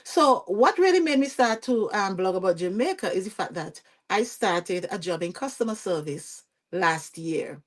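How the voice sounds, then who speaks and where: A woman with a Vincentian accent, a podcast guest telling her story in a lively, chatty way and often checking in with "you see what I'm saying?". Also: medium pitch, moderate pace, few pauses. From Saint Vincent and the Grenadines. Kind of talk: conversational storytelling interview.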